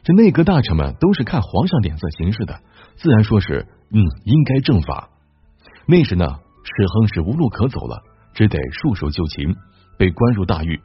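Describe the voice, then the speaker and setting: A man's voice: fairly low pitch, very animated, a little fast, slightly rough, no echo, muffled recording, soft background music. A man telling a serialized historical story in a chatty way with wry asides.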